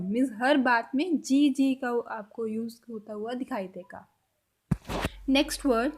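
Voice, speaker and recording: High-voiced woman teaching a language lesson. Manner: says example phrases slowly and carefully; drops to a quiet close at the end of each point.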